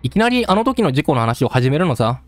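A man voicing a rough-talking male storyteller who taunts the listener in coarse street speech. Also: on the high side, sing-song, brisk, dry recording, soft background music. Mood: taunting. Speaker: game let's-play narrator.

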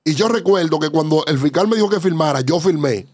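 A man's voice: on the high side, brisk, darkish tone, husky, no room sound, clean studio sound. A man with a Dominican accent fervently telling his personal testimony as a guest, often calling out to the host. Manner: fervent, keeps exclaiming about faith and addressing the host.

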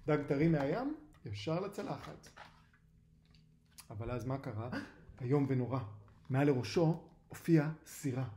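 A storyteller reading a rhyming children's book aloud in a lively, rhythmic way. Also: medium pitch, long pauses. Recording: roomy echo.

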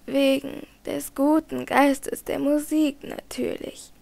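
A woman voicing a naive, devout elderly lady in an audiobook, speaking slowly and gently insistent, sometimes hushed. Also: high-pitched, flat delivery, gravelly, no echo, heavily acted. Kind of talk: audiobook character reading.

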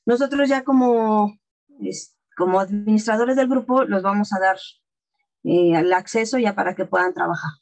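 A woman's voice: mid-range voice, moderate pace, a little mellow. A woman teaching an online class over a video call, patiently explaining each step. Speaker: class instructor.

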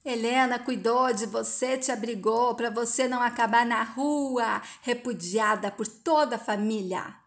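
Here a woman narrator takes on the role of a stern mature woman from a storybook-style tale, delivering an unyielding, hard lecture. The delivery is a little slow with hardly any pauses, pitched slightly high and carrying a harsh, moralizing edge.

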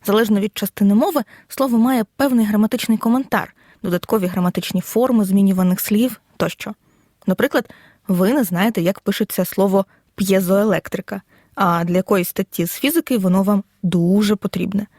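A woman teacher giving a scripted audio lesson, explaining in a measured way and reading examples out one by one. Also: medium pitch, warm tone, dry recording, clean studio sound. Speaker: Ukrainian language teacher.

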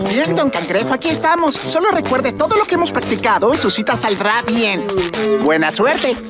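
A man voicing an excitable, earnest young sea sponge in a dubbed cartoon, eager and pleading. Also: very high-pitched, moderate pace. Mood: reassuring. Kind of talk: animated cartoon dubbing. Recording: loud music behind the voice.

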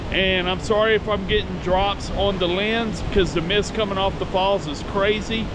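A middle-aged man vlogging outdoors on a hike, talking upbeat and straight to his viewers on a camera held at arm's length. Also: sits high. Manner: upbeat, enthusiastic, addresses viewers directly. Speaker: travel vlogger. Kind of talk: casual vlog narration. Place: outdoors at a roaring waterfall base. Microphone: action camera held at arm's length. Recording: outdoor camera with loud waterfall and wind noise. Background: loud rushing waterfall and wind.

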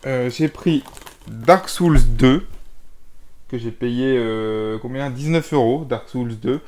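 Warm-toned and mid-range, this young man speaks a little slowly while showing his new games to the camera. He rambles with plenty of fillers and hesitations as he shifts boxes around, and the camera mic picks up a little hiss or hum.

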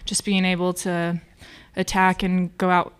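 A young woman answers reporters at a postgame press conference, speaking into a table mic. Her delivery is steady and level, with few rises or falls. Her voice is smooth and clear. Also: fairly low pitch, a little slow. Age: young adult. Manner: plain, steady answers with fillers. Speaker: college softball pitcher.

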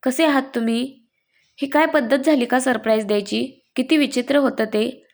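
A woman voicing an emotional, quick-tempered young woman who scolds fast and breaks into sobs. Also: high voice, gravelly. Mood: irritated scolding. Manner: rapid, scolding then sobbing speech.

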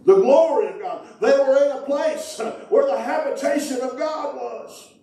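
A middle-aged pastor preaches a sermon with fervor in an indoor church sanctuary, calling out to the congregation, shouting "woo" and drawing their responses. His very high, gravelly voice is a little slow and picked up by a distant mic, sounding echoey from afar.

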